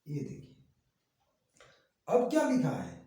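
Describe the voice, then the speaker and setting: A man teaching children to read, drawing out his words in a slow, sing-song way and answering his own questions in the voice of a pupil. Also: on the high side, wildly swooping pitch, dark tone. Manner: slow, drawn-out sing-song teaching voice, speaks both sides of a pupil dialogue. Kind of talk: Hindi reading lesson for children. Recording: echoey room, voice from a distance.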